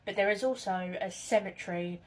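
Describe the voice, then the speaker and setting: A woman's voice: medium pitch, normal speed. A woman, chatting casually to camera in her home kitchen and telling spooky stories in a rambling way. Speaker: vlogger.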